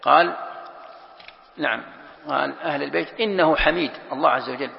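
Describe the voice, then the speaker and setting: A sheikh gives a classroom lesson on Quran commentary, reading a passage aloud and then breaking it down with rhetorical questions. His voice is raised slightly and heavily gravelly. It carries a long echo through a hall on a dull, lo-fi recording. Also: on the high side, a little fast. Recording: echoey hall, dull lo-fi sound.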